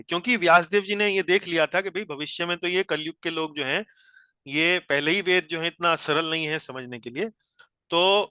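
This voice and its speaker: A man's voice: a little high, pushed and bright, smooth, no echo. A man teaching a scripture study class over a video call, explaining each point patiently and repeating phrases as he guides a reader.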